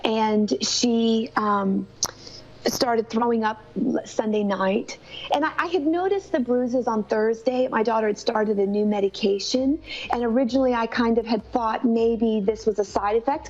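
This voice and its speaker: A woman's voice: a little high, darkish tone. A woman telling a personal story of faith in an earnest, conversational way. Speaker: mother telling her daughter's illness story. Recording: slightly dull, lo-fi sound.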